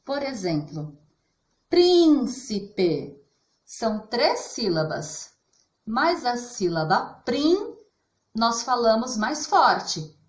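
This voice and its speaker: A woman with a Brazilian Portuguese accent teaches a children's lesson in a slow, patient way. Her pitch moves a lot as she leans into the stressed syllable of each example word. The room around her gives back a clear echo. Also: sing-song. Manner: patient, stretches and stresses example words aloud.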